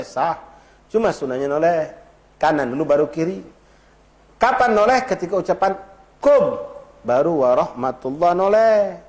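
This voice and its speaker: A man's voice: fairly high pitch, darkish tone. A man teaching an Islamic study circle, stretching out Arabic phrases to show how to say them and talking to the audience in a folksy way. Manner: demonstrates pronunciation, drawn-out chanted Arabic phrases; addresses audience directly, folksy humor. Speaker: religious teacher.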